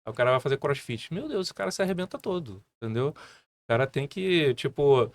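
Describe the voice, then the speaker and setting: Brazilian man, 30s, martial arts instructor, animated storyteller, dry studio sound. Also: on the high side, brisk, dry recording. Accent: Brazilian Portuguese. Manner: animated storytelling with many fillers. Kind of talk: casual podcast conversation.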